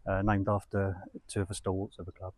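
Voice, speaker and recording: Male club guide, lowish pitch, informal, understated, slightly hesitant answers. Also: monotone, quick pace, slight background noise. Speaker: football club representative, tour guide. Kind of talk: casual spoken tour and interview answers.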